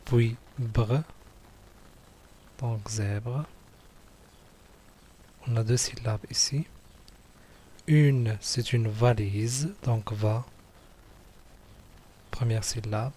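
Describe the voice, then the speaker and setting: A man teaching young pupils, going slowly through a worksheet, repeating each word and praising answers. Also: mid-range voice, fairly even intonation, dark tone, slight background noise. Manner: slow, patient, repeats words and praises answers.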